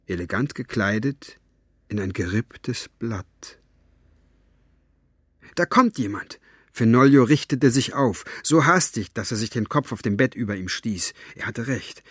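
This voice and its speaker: A man reading a story aloud as narrator, with a lively, varied delivery. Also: fairly low pitch, husky, dry recording, studio quality. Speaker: audiobook narrator. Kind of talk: expressive audiobook reading.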